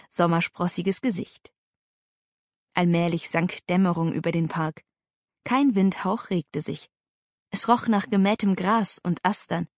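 A woman narrating a children's story in a vivid, animated way. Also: medium pitch, no echo, studio quality. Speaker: audiobook narrator.

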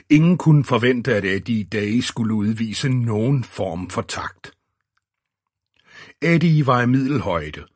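A man narrates an audiobook in a low, husky voice. His reading is steady and even. The recording is dry and close, with no room sound. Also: no room sound. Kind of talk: scripted narration.

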